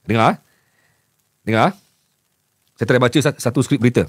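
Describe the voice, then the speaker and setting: A man's voice: medium pitch, moderate pace, dry recording, clean studio sound. Candid Malaysian man with a stutter. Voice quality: stutters, repeats words often. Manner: chatty, candid, mixes in English words. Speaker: news journalist and voice-over producer. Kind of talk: casual talk to camera.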